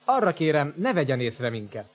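A calm, husky young man. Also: a little high, soft background music. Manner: calm, instructing. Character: resolute young man, the scientist's son. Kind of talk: radio play acting.

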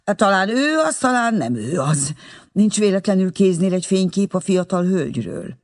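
A man's voice: high voice, sing-song, voice pushed up. A man voicing an awkward, flustered young man in an audiobook reading. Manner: awkward, hesitant.

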